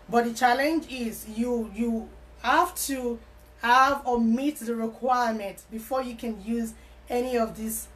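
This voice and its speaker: A woman's voice: on the high side, slight background noise. A woman working as an immigration consultant, giving earnest advice to camera, repeating key words with frequent fillers and restarts. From Canada, living in Alberta. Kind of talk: explanatory advice talk to camera.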